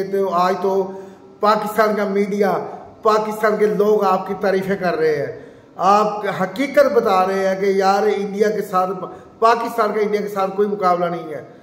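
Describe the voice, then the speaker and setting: A male reaction video host chats casually about the clip he just watched. His voice sits high, and it rings out in a roomy space with a lingering reverb. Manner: chatty, peppers speech with "ji" and "yaar". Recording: echoey room with reverb.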